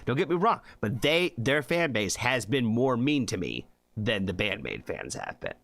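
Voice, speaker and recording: A male host of a music reaction livestream speaks at a moderate pace with medium pitch, big pitch swings, vocal fry and a fairly bright tone. Loose and laid-back, he rambles with many fillers, swears freely, and keeps saying "you know what I mean?"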